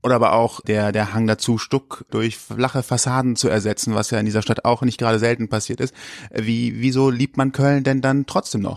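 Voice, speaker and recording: A man's voice: medium pitch, steady tone, a little fast, no echo, studio quality. A man hosting a casual podcast interview, chatty and laughing often. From Cologne area. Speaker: podcast host.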